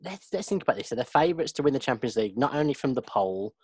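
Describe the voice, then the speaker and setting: A man co-hosting a casual football podcast, measured and reasoning aloud. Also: medium pitch, big pitch swings, a little mellow, husky, dry recording. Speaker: podcast co-host.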